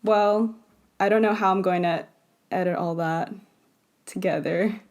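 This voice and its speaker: A woman's voice: mid-range voice, fairly even intonation, a little slow, a little mellow. A woman hosting a casual podcast chat, talking hesitantly with lots of fillers and easy laughs. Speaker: podcast host.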